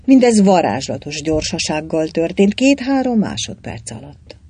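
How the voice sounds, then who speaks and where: An audiobook reader narrating an adventure novel with lively, expressive delivery. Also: mid-range voice, breathy edge. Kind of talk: storybook reading.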